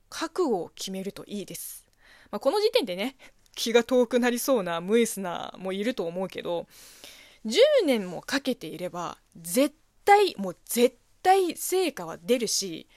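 Lively woman podcaster. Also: a little high, normal speed, no room sound, clean studio sound. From China. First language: Chinese. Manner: chatty, expressive, answers listener letters. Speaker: podcast host. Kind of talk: casual solo radio talk.

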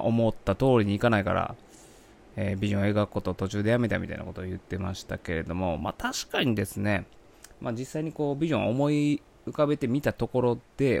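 A man's voice: fairly low pitch, creaky, a little mellow. A man, a comedian, talking through his career in a polite, chatty podcast monologue.

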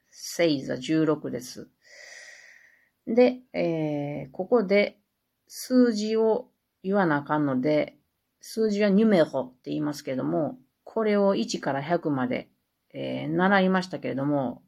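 A woman talks alone on her podcast in a chatty, self-mocking way. Her voice sits a little low and has a faint husky edge. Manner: chatty, laughs at herself, lively asides. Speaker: podcast host. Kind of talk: casual solo talk.

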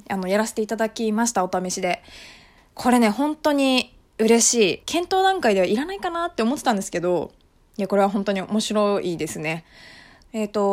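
A young woman hosting her own podcast, chatting casually on her own with frequent laughs and soft fillers. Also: fairly high pitch. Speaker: podcast host. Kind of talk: casual solo podcast chat.

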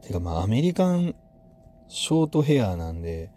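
Rambling Kansai man, mellow low voice. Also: very animated, moderate pace, slight background noise. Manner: rambling, playful, musing aloud. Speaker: podcast host. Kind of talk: casual solo talk.

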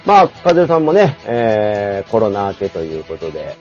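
Chatty young guy reading news headlines, lots of filler, lively up-and-down voice, dull lo-fi sound w faint music. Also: on the low side, moderate pace. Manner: chatty, laughs often, reads headlines with fillers. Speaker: podcast co-host. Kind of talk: casual chat, reading a news ranking.

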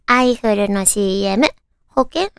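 A woman's voice: medium pitch, animated, measured pace, clean tone, no echo, clean studio sound. A woman with a naturally cute, girlish anime voice hosts a chatty solo radio show, talking playfully to listeners as friends.

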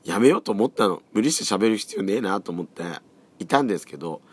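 A hoarse man around forty with a cold, hosting a casual solo podcast, chatty and rambling, often letting his voice drop and trail off. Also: lowish voice, lively intonation, fast, no room sound. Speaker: podcast host.

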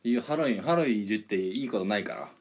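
A man's voice: fairly low pitch, lively intonation, racing, a little mellow. A man co-hosting a casual chat show, teasing his partner and laughing often. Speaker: podcast co-host.

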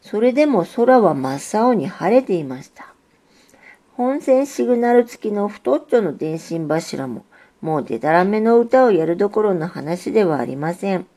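A woman reading a classic storybook aloud, calm and measured in her narration. Her voice is mellow and dark, sitting at a middle pitch.

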